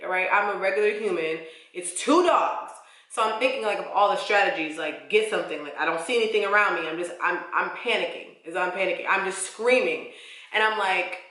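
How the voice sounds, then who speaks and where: A young woman with a bright, forceful voice talks straight to her viewers, telling a story from her life. Her speech is casual and slangy, full of "like"s. The recording has the bounce of an echoey room. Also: medium pitch. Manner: expressive, slangy storytelling with many "like"s. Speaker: vlogger. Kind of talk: storytime vlog.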